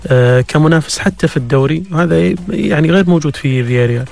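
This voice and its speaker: A man's voice: on the high side, quick pace, gravelly, a little mellow, faint music behind. A man with a Gulf Arabic accent hosting a conversational sports interview on the radio.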